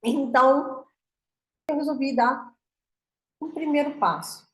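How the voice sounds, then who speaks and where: A woman with a Brazilian Portuguese accent hosts an online spiritual meeting for women. She shares a heartfelt personal testimony in an earnest, emotional way, sometimes rushing and sometimes slowing right down. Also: high voice. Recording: roomy echo.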